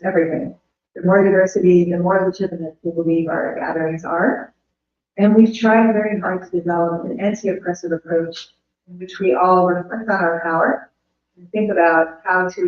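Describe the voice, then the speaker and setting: A woman giving an earnest, measured academic presentation, her voice going hoarse. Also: lowish voice, darkish tone. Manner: earnest, measured, rhetorical lists. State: losing her voice. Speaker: invited speaker. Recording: roomy, dull remote audio.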